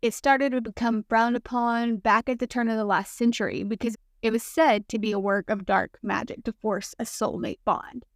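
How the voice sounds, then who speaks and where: A woman voicing a sharp, sarcastic young witch with a dry, teasing drawl. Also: a little high, steady tone, moderate pace, hardly any pauses, no room sound, lightly acted. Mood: explaining.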